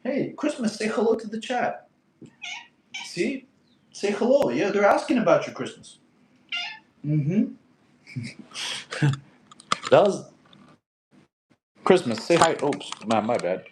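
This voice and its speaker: Here a man in his thirties whose native tongue is Russian chats on a livestream, reading comments, laughing often, and speaking to his cat in a relaxed way. His high, sing-song voice is slightly mellow, slow, and full of pauses, with an echoey room and slight background noise.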